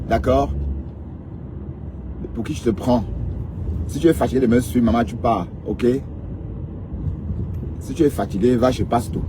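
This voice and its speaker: Over a noisy background, a medium-pitched man gives casual live commentary on social media drama. He speaks straight to his viewers and habitually punctuates his remarks with a rhetorical, questioning "hein?".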